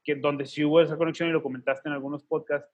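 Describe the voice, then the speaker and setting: A man in his thirties co-hosts a casual faith podcast, earnestly telling personal stories with slangy asides. He talks fast in a fairly high voice with little pitch movement and a breathy edge, and the audio sounds dull.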